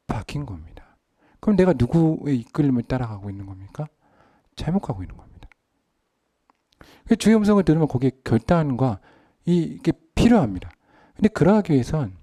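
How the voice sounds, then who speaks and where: Dark-voiced pastor, loud then whispering. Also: male voice, fairly high pitch, no echo, clean studio sound. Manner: swings from loud emphasis to hushed whispers. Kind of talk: sermon.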